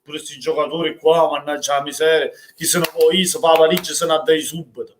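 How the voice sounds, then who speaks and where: A young man with a Neapolitan accent, reacting live to a football match and answering his chat, swinging from easy talk to loud outbursts. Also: a little high, fast talker, slight background noise. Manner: emotional, swings from calm chat to shouting.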